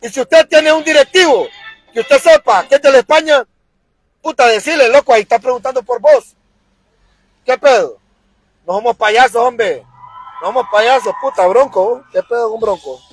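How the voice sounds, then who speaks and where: A man's voice: very high-pitched, normal speed, long pauses, breathy edge, no echo, faint music behind, rough recording. A man with a Honduran accent ranting as a football fan vlogger, fired-up and crude, repeating himself. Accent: Honduran Spanish. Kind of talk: angry fan rant to camera.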